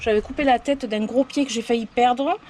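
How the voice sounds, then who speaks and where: Chatty woman, slightly high voice. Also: steady tone, fairly quick, a little mellow, a little hiss or hum. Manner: rambling, often unsure of plant names. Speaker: plant vlogger. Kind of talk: casual show-and-tell tour. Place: outdoors among potted plants.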